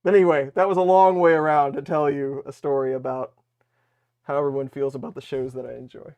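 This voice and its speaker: A man's voice: mid-range voice, fairly even intonation, a little fast, darkish tone, clean tone. A man hosting a casual livestream chat from his home workshop, laughing often as he tells stories. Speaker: livestream host.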